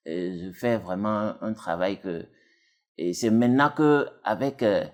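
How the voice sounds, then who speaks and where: A man's voice: unhurried, a little mellow, highs cut off. A man talks casually as an interview guest. He rambles, restarting sentences and leaning on fillers as he explains his dubbing work. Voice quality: deep voice. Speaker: dubbing actor and technician, guest.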